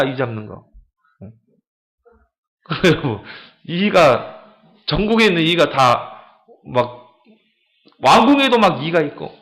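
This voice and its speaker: Pastor, male, lively sermon delivery, pitch a bit high, lots of rhetorical questions. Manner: animated preaching with rhetorical questions to the congregation. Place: church.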